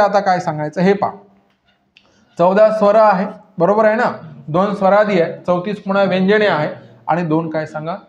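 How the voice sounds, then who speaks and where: A man teaching a grammar lesson, asking questions and then answering them himself, repeating the key points. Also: high-pitched. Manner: repetitive, drilling. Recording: echoey room, dull lo-fi sound.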